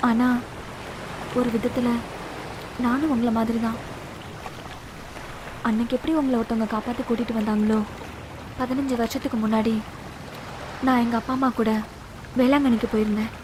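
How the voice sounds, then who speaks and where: A woman's voice: on the high side, fairly even intonation, moderate pace, long pauses, background noise, lightly acted. A woman playing an earnest lovelorn young woman. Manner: earnest, pleading. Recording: film soundtrack with loud music behind.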